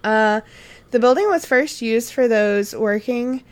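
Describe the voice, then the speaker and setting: A woman with a fairly high voice tells a story on a casual podcast. She reads from her notes in a chatty way, and her sentences are broken up by fillers like "uh" and "um". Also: a little slow. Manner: reads notes with frequent "uh" and "um", easily sidetracked into laughter. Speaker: podcast co-host.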